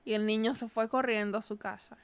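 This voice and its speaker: A woman co-hosting a casual podcast, narrating a story in a dry, deadpan way. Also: on the high side, fairly quick, clear, resonant tone. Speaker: podcast co-host.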